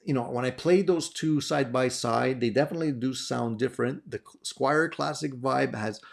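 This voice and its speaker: A man's voice: mid-range voice, normal speed, gravelly. Easygoing man chatting casually to camera. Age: adult over thirty. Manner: easygoing, frequent fillers and restarts. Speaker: guitar gear channel host. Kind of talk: casual talk to camera answering viewer questions.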